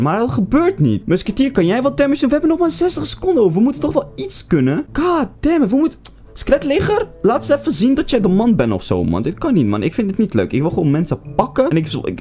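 Young gaming YouTuber, fast-talking with a mellow tone, swears freely, runs from glum mutters to yelps. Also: male voice, medium pitch. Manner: excitable, swears a lot, jumps from groans to shouts. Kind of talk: live game commentary.

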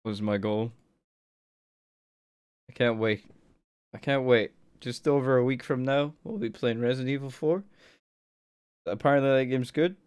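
A man streaming a game live, exasperated and swearing, with bursts of yelling between muttered commentary. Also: medium pitch, measured pace, pauses often, smooth, no echo. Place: home desk.

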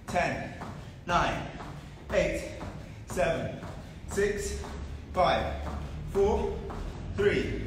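A male boxing coach with a high-pitched voice calls out drills in short, commanding bursts. He is far from the mic in a very echoey gym, leaving gaps between his cues as he counts and names punches. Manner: clipped, commanding short cues while demonstrating exercise. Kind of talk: shouted workout instruction, calling out combinations and counts. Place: large indoor boxing gym. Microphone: camera several metres away. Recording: echoey gym, distant mic, faint noise.

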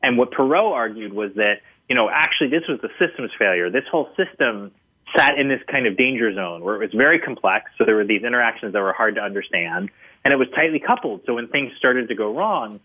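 A man with a husky, medium-pitched voice is interviewed as the author of a book, and the audio is thin and phone-like. He replies thoughtfully, with many fillers and restarts.

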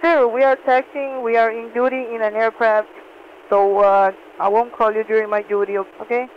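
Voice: mid-range voice, flat delivery, moderate pace. An airline pilot answering over a cockpit radio with static, polite but defensive about following instructions. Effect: cockpit radio transmission with static. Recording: muffled radio with faint static.

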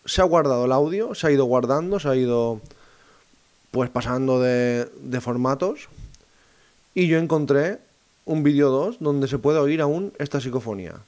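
A man talks in a casual monologue, speaking straight to his listeners and often pausing and restarting his phrases as he thinks aloud. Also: mid-range voice, a little mellow. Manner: addresses listeners directly. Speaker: host of a segment on psychophony.

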